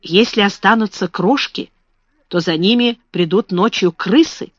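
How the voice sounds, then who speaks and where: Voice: mid-range voice, a little slow, no echo, close to an everyday voice. A modest young servant girl from a storybook who states things plainly, without fuss, put on by an audiobook reader. The recording is lo-fi and muffled, close and dry. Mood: careful. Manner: plain and matter-of-fact. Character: humble young scullery maid, matter-of-fact. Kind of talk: audiobook reading.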